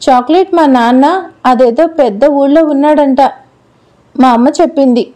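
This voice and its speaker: A woman's voice: sits high, normal speed, mellow, lightly acted. A woman voicing a chatty, affectionate little girl who pouts and prattles in a storybook reading. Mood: sad. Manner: pouting, childlike chatter.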